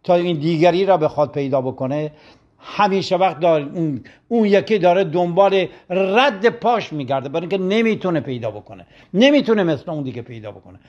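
A man's voice: a little high, a little mellow, lo-fi sound. A man who teaches religion, telling a moral story in a sermon on a broadcast and acting out the quoted complaints.

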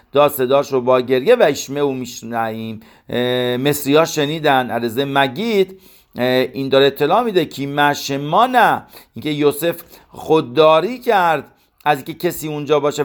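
Man teaching a scripture commentary. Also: a little high. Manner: reads Hebrew commentary then explains it. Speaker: religious teacher. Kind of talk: Torah commentary lesson.

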